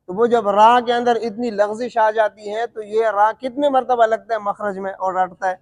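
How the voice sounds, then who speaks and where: A man teaching Quran recitation rules, asking his students questions and answering them himself, and stretching out letter sounds to show them. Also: high-pitched. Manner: demonstrates letter sounds slowly. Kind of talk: tajweed lesson. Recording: long hall reverb.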